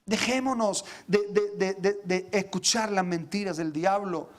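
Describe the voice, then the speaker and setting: A pastor preaches in a high, ringing voice. He speaks with fervor, calling out to his brothers in the congregation, and stutters over repeated words when he pushes hardest. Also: unhurried. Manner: impassioned, addresses listeners as brothers, repeats words when fired up. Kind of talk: sermon.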